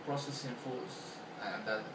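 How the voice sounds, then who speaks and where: A man's voice: medium pitch, steady tone, very noisy. Young Ecuadorian man, distant echoey mic. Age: young adult. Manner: halting, many fillers and restarts. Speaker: student interviewee. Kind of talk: casual interview answers.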